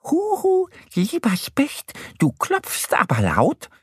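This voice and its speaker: A man doing a squeaky cheerful little duck. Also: huge pitch swings, slow pace, no echo, clean studio sound, full character voice. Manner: high squeaky chirpy voice. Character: young female duck, curious and cheerful. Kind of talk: storybook reading for children.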